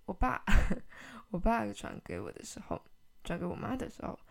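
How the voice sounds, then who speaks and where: Giggly young woman with a gravelly voice. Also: mid-range voice, huge pitch swings, normal speed. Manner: rambling, many fillers, giggly asides. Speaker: podcast host. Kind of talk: casual storytelling podcast. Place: home.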